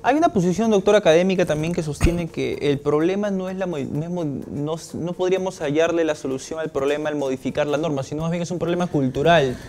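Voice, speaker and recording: A man's voice: fairly high pitch, fast, hardly any pauses, darkish tone. A man hosting a panel, asking formal, long and winding questions. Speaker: host. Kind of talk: interview questions.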